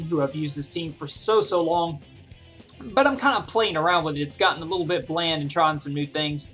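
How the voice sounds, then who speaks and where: A gaming video creator commentates their own battle play by play, conversationally explaining each decision while thinking it through aloud. The voice is mid-range and fairly bright, with music playing behind it.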